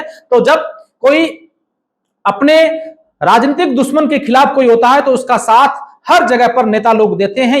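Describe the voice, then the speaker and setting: High-voiced male news commentator. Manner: measured, explanatory, frequent hedging remarks. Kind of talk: scripted political news commentary.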